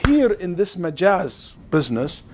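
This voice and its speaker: An Islamic lecturer with an Arabic accent runs an interactive religious lesson, teaching didactically and posing questions to see whether listeners understand. His voice sits high and is very animated, though his pace stays measured. It is a live class at an Islamic center, recorded with obvious room noise.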